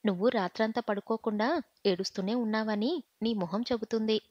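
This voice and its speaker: Lady reading the lines of a bossy young husband who's soft underneath, keeps pushing and begging, highish voice, dry and a bit muffled. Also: a little fast, dry recording, lightly acted. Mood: insistent. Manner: insistent, pleading at times. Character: stern but caring young husband, a man. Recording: slightly muffled audio.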